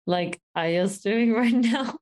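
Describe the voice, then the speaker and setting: A woman's voice: medium pitch, takes it slowly, darkish tone. A woman co-hosting a podcast over a remote call, joking and laughing through casual chat. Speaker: podcast co-host.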